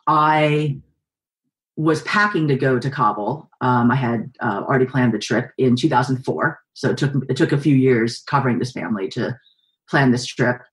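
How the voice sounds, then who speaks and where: A woman in her forties from the San Francisco Bay Area, an author and journalist answering interview questions in a thoughtful, steady way with frequent pauses, heard over a video call from her living room. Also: a bass voice. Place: home living room, indoors. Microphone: video call webcam.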